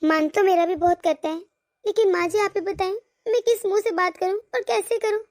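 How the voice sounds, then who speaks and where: A kind young daughter-in-law in a cartoon, played by a woman speaks in a gentle, polite voice. She sounds calm and soothing, still high though lower than the performer's other brides. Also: a little fast. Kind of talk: cartoon voice acting.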